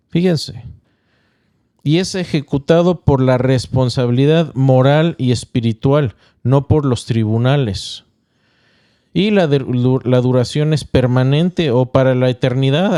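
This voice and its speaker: Male pastor-host, mellow and resonant, measured teaching delivery with small restarts. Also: medium pitch, clean tone, no room sound, studio quality. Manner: explains point by point, checks in with listeners. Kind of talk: teaching podcast talk.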